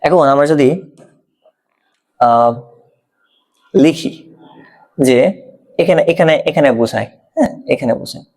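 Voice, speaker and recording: A man's voice: on the high side, measured pace, long pauses, a little mellow. A man with a Bangladeshi Bengali accent teaching an exam-prep grammar lesson, explaining step by step and often checking if the learner follows.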